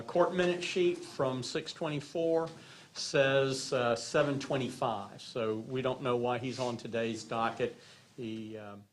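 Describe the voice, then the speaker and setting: A man speaking as an attorney in court, addressing the judge in a halting, hesitant manner. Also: mid-range voice, a little hiss or hum. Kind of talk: courtroom remarks.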